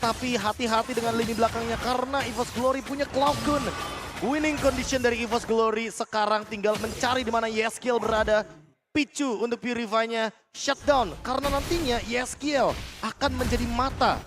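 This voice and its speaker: A man's voice: extremely high pitch, fairly even intonation, moderate pace. A man with an Indonesian accent explaining tactics as an analyst during live esports commentary. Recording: loud music behind the voice. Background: music.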